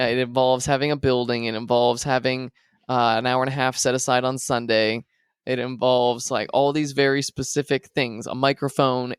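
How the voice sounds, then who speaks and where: Brief: young male podcast co-host, playful and chatty, mid pitch, dry close sound. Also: fairly bright tone, smooth, no room sound. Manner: playful, hypes things up in a mock announcer voice. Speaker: podcast co-host, seminary student. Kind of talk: casual podcast chat.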